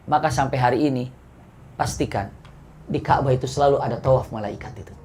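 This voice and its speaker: A young man, preaching a sermon as an animated storyteller who swings his pitch and loudness. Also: a little fast, husky. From Indonesia. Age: young adult.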